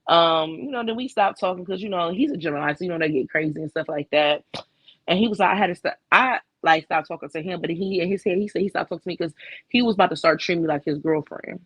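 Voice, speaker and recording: A woman's voice: fairly low pitch, fast, a bit bright, breathy edge, dry recording, poor audio. A woman co-hosting a casual chat, telling a candid, profane dating story full of fillers. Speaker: co-host.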